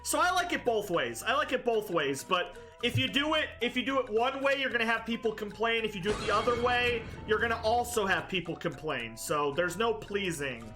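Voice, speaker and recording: Young male gaming commentator, high, bright and rambling, with faint game music behind. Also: lively intonation, fairly quick, few pauses. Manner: rambling, jokey, full of likes and restarts. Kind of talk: casual gameplay commentary.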